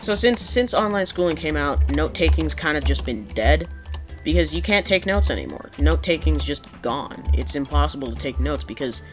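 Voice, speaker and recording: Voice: mid-range voice, expressive, normal speed. A young adult complaining in an exasperated, sarcastic way while giving casual, rambling commentary over gameplay. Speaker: gaming video creator. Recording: music behind the voice.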